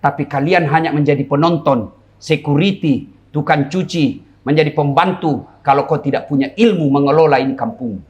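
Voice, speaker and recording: A middle-aged man from Indonesia, preaching a humorous sermon before a crowd, acting out characters and shouting punchlines. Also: a little high, normal speed. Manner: jokey, plays characters and shouts for laughs. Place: large event before a crowd.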